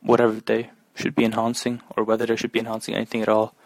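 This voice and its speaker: A man hosting a conversational interview, talking in a thoughtful, halting way. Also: fairly low pitch, completely flat delivery, no echo. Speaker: interview host.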